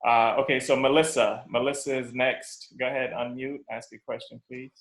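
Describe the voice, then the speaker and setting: A man's voice: mid-range voice, level tone, fairly bright tone. Casual male moderator in a roomy space. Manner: informal, brisk directions with fillers. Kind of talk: webinar moderation. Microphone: video call.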